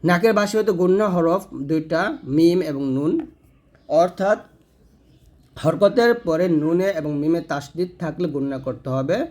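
A man teaching Quran pronunciation, sounding out each Arabic letter slowly and then explaining how the tongue and throat should move. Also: on the high side, a little mellow. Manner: self-corrects mid-lesson.

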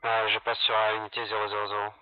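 A man making halting radio calls as a flight lead pilot over a cockpit headset, with many fillers. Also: lowish voice, completely flat delivery, clean tone. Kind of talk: radio calls to air traffic control. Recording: muffled radio headset line.

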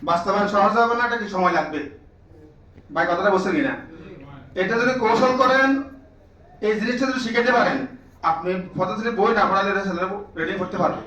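A man's voice: high voice, a little fast, pauses often, pushed and bright, reverberant, recorded from a distance, lo-fi sound. A man training teachers in a classroom lecture, drilling the room with repeated questions and prodding listeners to answer.

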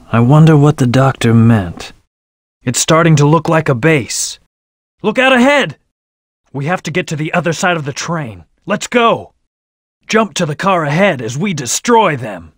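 A man's voice: fairly high pitch, animated, a little slow, dry recording, clean studio sound. An actor playing a brooding, aloof hedgehog antihero in a video game, terse, serious and commanding as he leads his team. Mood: determined. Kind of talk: English video game voice acting, short battle callouts.

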